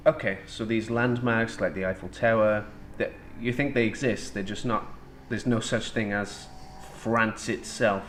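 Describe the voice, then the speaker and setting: A man's voice: lowish voice, fairly even intonation, a little slow, few pauses, a bit bright. A man hosting an improvised comedy radio show, playfully questioning guests with mock disbelief. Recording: roomy echo, faint background noise.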